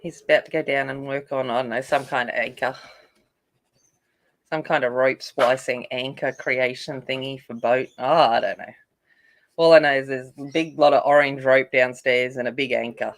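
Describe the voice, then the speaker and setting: A coloring channel host chats casually with live viewers while she colors, rambling and using plenty of fillers. Her extremely low voice stays steady at a moderate pace, and she says herself that it isn't soothing.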